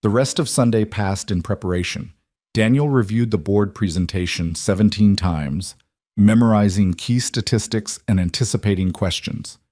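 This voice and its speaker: A man narrating a drama story in a measured, even manner. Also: fairly low pitch, no echo, clean studio sound.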